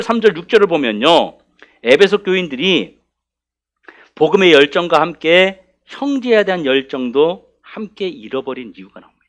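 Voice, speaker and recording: Brief: male pastor, high and lively voice, chatty Bible study sermon that keeps asking the room questions. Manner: conversational, asks the congregation questions. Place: church.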